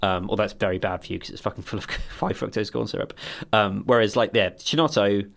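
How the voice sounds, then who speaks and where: Low-pitched guy, casual podcast co-host, rambles and swears, loses his thread. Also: fairly quick, vocal fry, fairly bright tone. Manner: rambling, sweary, trails off mid-sentence. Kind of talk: casual chat.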